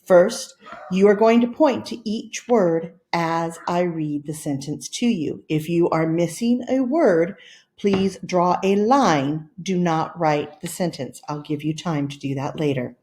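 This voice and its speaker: Female teacher, video lesson, slow and deliberate, patient step-by-step delivery. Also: fairly low pitch, dark tone. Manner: patient, deliberate, reads words one at a time. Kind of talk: slow, step-by-step classroom instruction.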